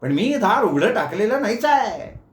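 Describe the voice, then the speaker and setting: A man's voice: sits high, big pitch swings, normal speed, pitched above the performer's own voice. A male storyteller voicing a stubborn middle-aged uncle who insists he is right, in an echoey room. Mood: insistent. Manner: insistent, self-assured.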